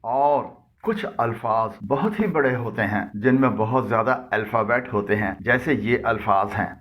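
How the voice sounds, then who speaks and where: A man narrating a scripted English lesson in Urdu, speaking slowly and deliberately and spelling words out letter by letter. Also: medium pitch, fairly bright tone. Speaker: English teacher.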